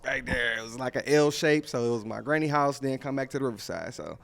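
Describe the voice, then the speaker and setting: A man's voice: mid-range voice, fast, vocal fry, a bit bright. A man from Pontiac, Michigan, a rapper guest telling his life story in a loose, slangy, rambling way. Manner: laid-back, rambling, slangy, laughs often. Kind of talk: casual storytelling interview. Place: clothing store.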